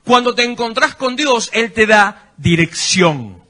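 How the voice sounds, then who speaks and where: A man's voice: very high voice, lively intonation, slow, pushed and bright. A male pastor, preaching a sermon and putting questions to his congregation. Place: church.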